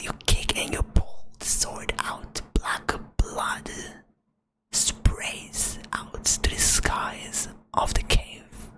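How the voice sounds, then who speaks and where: A woman acts as game master for a tabletop roleplay adventure, whispering it in a breathy voice. She tells the story slowly and softly in the second person.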